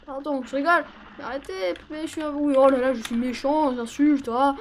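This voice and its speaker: A woman's voice: high-pitched, fairly even intonation, fairly quick, a little hiss or hum. A French woman streaming a video game, grumbling and ranting in mock frustration at it. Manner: exasperated ranting and mock self-pity at the game. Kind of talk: live gaming stream commentary.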